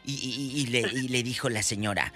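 A man's voice: mid-range voice, brisk, bright, forceful tone, soft background music. A man co-hosting a radio show, playful and teasing in his banter. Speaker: radio co-host.

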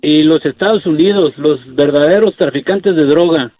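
A man, co-hosting a radio show and talking in halting, repeated phrases. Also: on the high side, no room sound. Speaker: radio co-host. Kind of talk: casual radio chat. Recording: dull radio audio with faint music.

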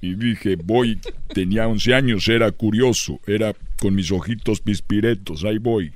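A man telling a comic story in an animated way, often laughing as he talks. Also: fairly low pitch, normal speed.

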